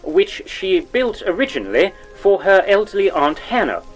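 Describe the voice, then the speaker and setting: Pompous 1940s wireless presenter, plummy and lively in pitch. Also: male voice, moderate pace, faint music behind, poor audio. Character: pompous lecherous old-fashioned male radio presenter. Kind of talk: 1940s radio acting.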